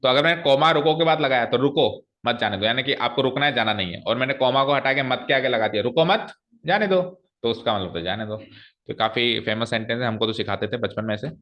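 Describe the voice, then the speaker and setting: Bright-voiced male grammar teacher. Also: mid-range voice, quick pace. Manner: explains step by step, asks students questions. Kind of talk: classroom grammar lesson.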